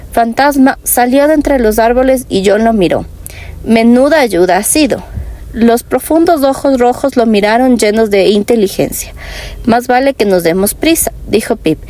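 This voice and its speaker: A woman's voice: fairly high pitch, a little mellow. A woman from Latin America narrating a fantasy audiobook, reading every character's lines in her own voice with small shifts.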